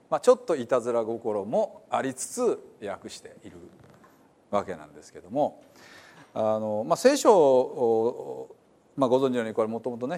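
A man's voice: medium pitch, a little mellow. A man preaching a sermon in a church, explaining Bible translation in a conversational, explanatory way with many fillers. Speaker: pastor.

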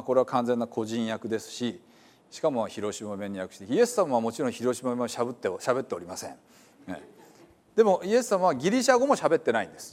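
A man's voice: medium pitch, a little mellow. A man preaching a sermon in a church, explaining Bible translation in a conversational, explanatory way with many fillers. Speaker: pastor.

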